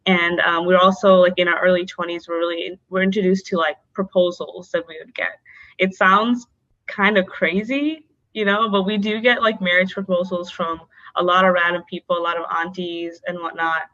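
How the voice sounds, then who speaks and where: A young woman, Bangladesh-born and from North Dakota, offers candid answers as a podcast guest, saying "um" and "like" often and speaking openly. The recording has its highs cut off, carrying a lowish, bright, forceful voice with fairly even intonation at normal speed.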